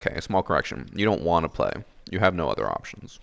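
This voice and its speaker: A man with a very low, deep voice streams a game and chats with his viewers and a friend. His talk is casual, dry and sarcastic, full of teasing jabs. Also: very animated, quick pace, vocal fry. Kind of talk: casual gaming stream chat.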